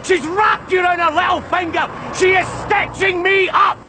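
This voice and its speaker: An actor playing a resentful adult brother in a soap opera, bitter and accusing, raising his voice to shouts. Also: extremely high pitch, expressive, fairly quick, some chatter behind, a little hiss or hum.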